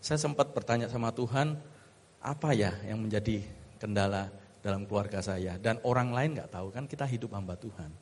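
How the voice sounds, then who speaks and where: A man's voice: fairly low pitch, moderate pace, darkish tone, slightly rough, in a large hall. A pastor telling his story to a church congregation in an earnest way, with restarts. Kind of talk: sermon testimony.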